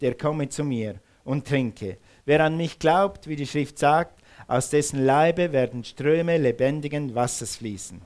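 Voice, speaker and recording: A man's voice: fairly high pitch, a little mellow. A male pastor preaching a sermon in a church hall, calling on the congregation to repeat words back to him. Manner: engages the congregation with call-and-response; uses some Swiss words.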